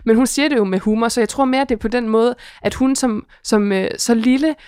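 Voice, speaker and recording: A woman's voice: fairly high pitch, mellow, smooth, dry recording. Podcast host lady chatting casually, dry studio sound. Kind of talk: casual chat.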